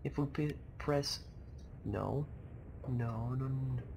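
A young man giving casual, halting game commentary, speaking quietly at night in a low murmur so as not to wake anyone, as host of a gaming video. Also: gravelly. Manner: halting, rambling. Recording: noisy home microphone recording.

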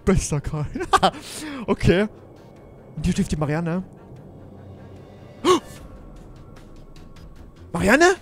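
A man's voice: high voice, big pitch swings, very slow, long pauses, faint music behind. A man giving jumpy, exclaiming commentary on a Minecraft role-play adventure, talking straight to his viewers. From Germany. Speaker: gaming YouTuber.

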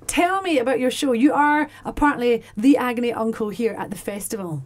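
A woman's voice: a little high, a little fast. A woman interviewing a comedian in a playful, gushing, teasing manner.

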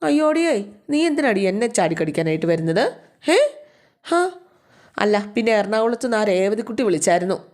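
A woman voicing a quarrelsome elderly mother who scolds in a shrill, aggrieved way while retelling a serial. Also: sing-song, moderate pace, pauses often, darkish tone, natural voice.

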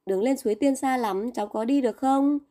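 A gentle, kindly fairy woman, as a storyteller puts her on, speaking in a mellow, warm voice that sits a little high. Her telling has a calm storybook feel. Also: brisk, natural voice. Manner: gentle, questioning.

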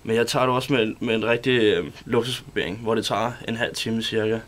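A man from Denmark, a barber, explaining his work haltingly with many fillers while he shaves a guest in a radio studio. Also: on the low side, little pitch movement, a bit bright. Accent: Danish.

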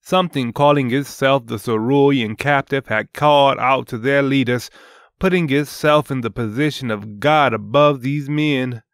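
A man hosting and narrating a dark story in a solemn, deliberate, dramatic scripted style. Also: mid-range voice, clear, resonant tone, no echo, studio quality. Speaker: host and storyteller.

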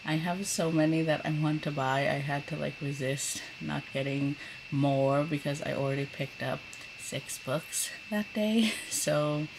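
A woman in her thirties vlogs in a casual, rambling way, chatty and informal and saying "like" a lot. Her voice is low, with some background noise behind it.

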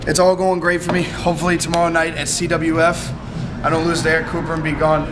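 A man in his twenties giving a wrestling promo interview as a wrestler, speaking haltingly and stumbling over words. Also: on the high side, level tone, noisy background. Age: 20s. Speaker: professional wrestler being interviewed. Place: large dim indoor hall with pool tables. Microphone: handheld camera at close range.

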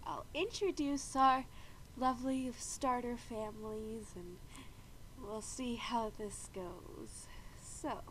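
Speaking slowly at a fairly high pitch, a video game host with a congested voice from a bad cold narrates gameplay casually and explains the rules. Her throat clearing is frequent and her tone chatty, and the poor-quality audio has steady background noise.

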